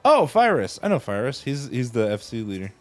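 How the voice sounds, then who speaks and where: A man's voice: mid-range voice, wildly swooping pitch, a little fast, soft background music. A man chatting casually while playing a game with his brother, giggly and offhand. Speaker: let's play host, brother. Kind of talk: casual gaming chat.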